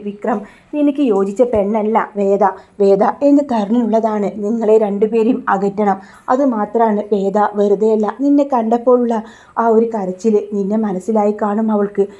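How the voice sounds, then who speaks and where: A woman's voice: medium pitch, warm tone. A woman narrating a casual recap of a TV serial, reading out the characters' lines in her own voice and dropping in chatty tag words. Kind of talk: casual spoken story recap.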